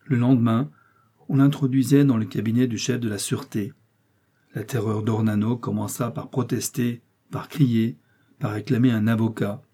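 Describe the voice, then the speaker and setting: Husky-voiced male audiobook narrator. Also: medium pitch, steady tone, normal speed, dark tone. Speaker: audiobook reader.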